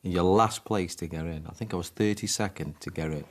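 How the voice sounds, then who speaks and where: A man's voice: low-pitched, a little fast, heavy background noise. A man in an interview, telling anecdotes and acting out remembered conversations. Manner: anecdotal, acts out quoted dialogue. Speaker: interviewee, former player. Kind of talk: storytelling interview.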